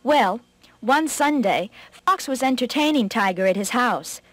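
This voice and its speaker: Expressive female storyteller for children, dry close sound. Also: fairly high pitch, a little slow, no room sound.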